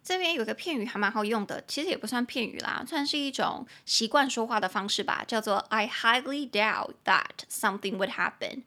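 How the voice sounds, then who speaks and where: A woman's voice: a little high, a little fast, hardly any pauses, pushed and bright. A woman with a Taiwanese Mandarin accent, hosting a casual podcast lesson in which she chats and spells English words out letter by letter. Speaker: podcast host and English teacher.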